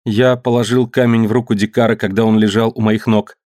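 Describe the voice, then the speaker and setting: A man's voice: lowish voice, flat delivery, a little fast, a little mellow, dry recording, studio quality, lightly acted. A man voicing a frightened but upright teenage boy giving a tense, earnest account.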